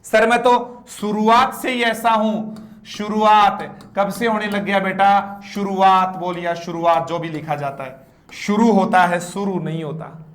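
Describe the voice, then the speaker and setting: A man teaching a live online English grammar class in Hindi. He reads English example sentences slowly and then explains them in Hindi, playfully correcting mispronounced words. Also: high voice, fairly bright tone, reverberant.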